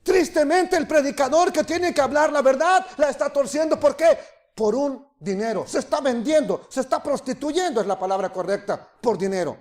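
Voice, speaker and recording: Male preacher, very high voice, lively sermon delivery with acted-out voices. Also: normal speed. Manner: animated preaching, acts out voices, rises and drops in volume. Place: congregation.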